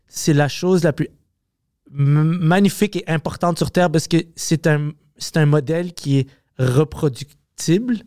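Animated Québécois man, dry close mic. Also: a little high, no echo. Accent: Québécois French. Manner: animated, swears often, slips into English. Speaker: comedian guest. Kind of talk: casual podcast conversation.

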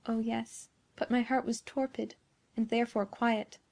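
A woman voicing a tender, sorrowful young woman, lonely and pleading, in gentle archaic speech for a storybook reading. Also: a little high, level tone, measured pace, creaky.

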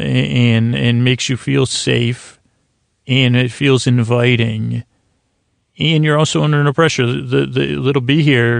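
This sleep podcast host, a middle-aged man, speaks at medium pitch in a creaky voice on a dry recording. His soothing bedtime monologue wanders gently, pausing and cutting itself off along the way.

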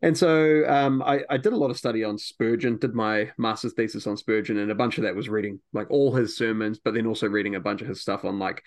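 Host, male, low-pitched, talkative, lots of "like"s, keen tone. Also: fairly even intonation, fast talker, hardly any pauses. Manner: chatty, full of filler words, eager. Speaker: podcast host and preacher. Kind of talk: casual chat.

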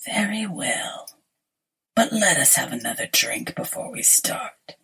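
A woman voicing a pale, cold male stranger who speaks in a slow, hushed whisper in a storybook reading. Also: a bass voice, sing-song, creaky, breathy edge, voice pushed down, exaggerated voice.

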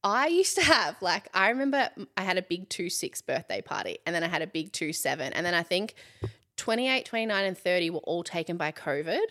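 A woman's voice: lowish voice, expressive, brisk, bright, forceful tone. Chatty Australian woman in her thirties. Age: 30s. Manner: chatty, lots of "like", laughs often. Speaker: guest, content creator. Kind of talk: casual interview chat.

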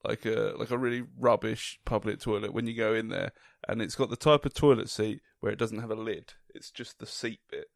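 A man's voice: on the low side, a little fast, gravelly, hardly any pauses, dry recording. A young man, co-hosting a casual podcast, telling crude stories and laughing often. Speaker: podcast co-host. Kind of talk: casual chat.

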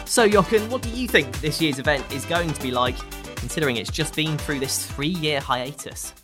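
A woman hosting a podcast, asking questions in a steady, conversational way. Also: low-pitched, normal speed, over music. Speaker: podcast host. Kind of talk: interviewing.

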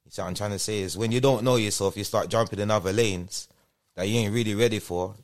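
A man with a London roadman accent talks in a fairly low voice as an interview guest. His style is casual street slang. He keeps adding little tags to check the listener follows. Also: fairly even intonation, quick pace. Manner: repeats checking tag phrases.

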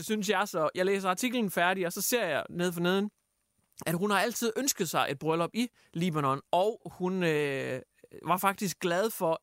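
Livlig mand med høj stemme. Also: male voice, sits high, dry recording, clean studio sound. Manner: animated storyteller, acts out quotes, many fillers. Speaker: radio host. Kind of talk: casual chat, retelling news stories.

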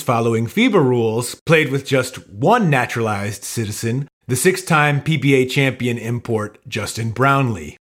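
A man giving scripted narration for a sports podcast in a measured, informative delivery. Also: mid-range voice.

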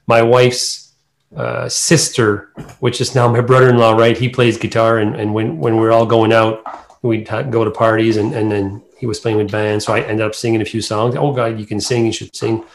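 A man's voice: on the low side, flat delivery, moderate pace, vocal fry, rough recording. A middle-aged man from New Brunswick with an Acadian accent, answering interview questions in a casual, rambling way as a singer. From New Brunswick, Canada. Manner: rambling, loosely strung clauses.

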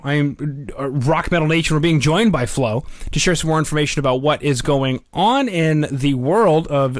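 An upbeat, chatty man hosts a rock and metal podcast and interviews a guest. His voice sits somewhat high. The sound is dry and close, with no room around it. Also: no echo. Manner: upbeat, chatty, laughs easily. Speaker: podcast host. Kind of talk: casual interview.

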